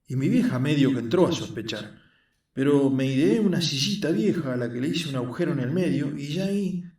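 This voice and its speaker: A man's voice: lively intonation, fairly quick, a little mellow. A man voicing an earnest, skinny young man, explaining his craft patiently. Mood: confiding. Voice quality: squeaky. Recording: roomy echo, mic at a distance.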